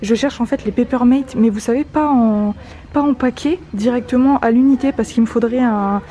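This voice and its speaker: A woman's voice: a little high, normal speed, warm tone. Woman vlogger talking through a face mask. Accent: French. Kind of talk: casual vlog chat while shopping. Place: inside an office supply shop.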